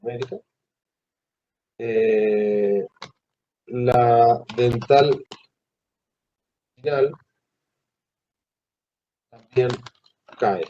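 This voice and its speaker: A male teacher giving a classroom lecture, who asks the students questions and pauses mid-phrase. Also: medium pitch, steady tone, dark tone, a little hiss or hum. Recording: dull lo-fi classroom recording.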